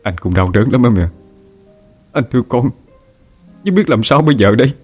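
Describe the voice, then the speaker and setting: A man voicing a sorrowful father who speaks softly and consolingly. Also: medium pitch, lively intonation, moderate pace, slightly rough, faint music behind, pitched above the performer's own voice. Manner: soft, consoling. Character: sorrowful father, gentle and pleading.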